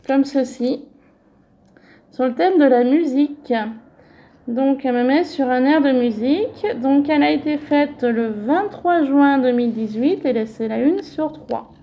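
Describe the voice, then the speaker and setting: A woman vlogger chatting casually as she shows off crafting mail she received. She talks gently and often fills with little connecting words. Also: high-pitched, measured pace, long pauses.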